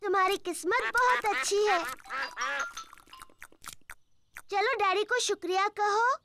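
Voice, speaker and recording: A woman's voice: very high voice, normal speed, over music. A woman voicing an eager, slightly bossy little girl pig in a Hindi cartoon dub, with an emphatic childlike manner.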